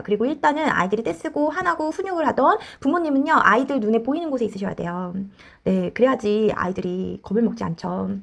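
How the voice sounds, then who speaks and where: A woman child counselor explains parenting advice at a quick clip. Her fairly high voice rises and falls a lot, and she acts out the voices she quotes with plenty of energy.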